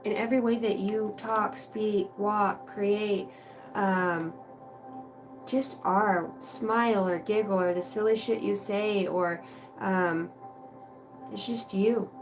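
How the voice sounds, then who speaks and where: A tarot reader does a live reading for viewers over faint music, speaking slowly in a steady, medium-pitched voice. She's casual and rambling, full of fillers and the odd mild swear word.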